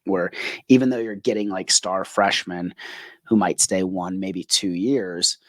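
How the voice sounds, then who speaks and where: A man's voice: sits low, unhurried, dry recording. A man co-hosting a podcast in casual conversation, talking in long stretches and often tagging his points with a questioning "right?". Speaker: podcast co-host. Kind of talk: casual sports podcast chat.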